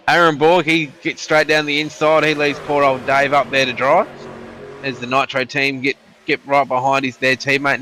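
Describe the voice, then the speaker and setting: Bright-voiced male motorsport commentator. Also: mid-range voice, slight background noise. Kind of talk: live sim-racing commentary.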